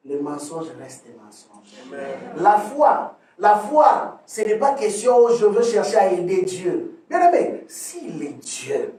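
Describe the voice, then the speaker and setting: High-voiced man preaching in an echoey hall. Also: distant mic. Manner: emphatic preaching with sudden swings from loud to soft; repeats words and restarts phrases. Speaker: pastor. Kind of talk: sermon. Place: church hall. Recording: echoey room, voice from off the mic.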